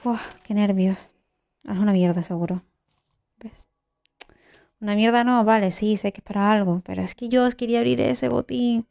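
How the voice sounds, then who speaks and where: A young woman from giving live gameplay commentary, excitable, swearing and talking to her viewers. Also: medium pitch, moderate pace, creaky, long pauses, highs cut off. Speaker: gaming YouTuber.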